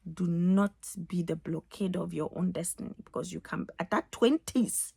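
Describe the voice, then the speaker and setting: A woman's voice: on the low side, normal speed, vocal fry, darkish tone, slightly rough, no echo, studio quality. A woman, giving life advice in a casual home vlog, preachy and emphatic, repeating phrases for stress. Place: home, getting ready for the day.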